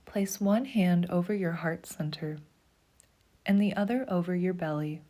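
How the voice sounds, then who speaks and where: A woman leads a meditation, her voice low, warm and dark-toned throughout. She keeps an even, unhurried, calming pace, frequently softening into a breathy near-whisper.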